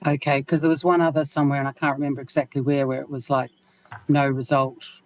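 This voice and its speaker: A woman's voice: very deep voice, flat delivery, fast. A woman with a New Zealand accent, a councillor politely asking questions at a meeting, slightly hesitant.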